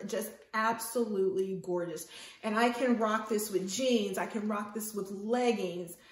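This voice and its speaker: A woman's voice: medium pitch, echoey room. A woman in her fifties chatting eagerly to viewers about her vintage finds, filmed at home. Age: 50s. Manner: enthusiastic, chatty, talks straight to viewers. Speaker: fashion vlogger. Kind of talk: casual haul and try-on chat. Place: home bedroom.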